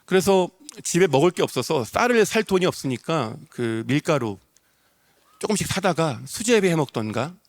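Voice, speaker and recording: Preaching an emotional sermon at a moderate pace, a male pastor uses a slightly high, sing-song voice and repeats phrases for emphasis. The large church sanctuary gives everything a long, echoing reverb.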